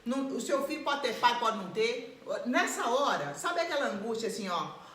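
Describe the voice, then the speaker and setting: A woman preaching a live sermon in an animated way, acting out the voices of people she describes. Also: fairly high pitch, normal speed. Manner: animated, acts out quoted voices and laughs. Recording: echoey room.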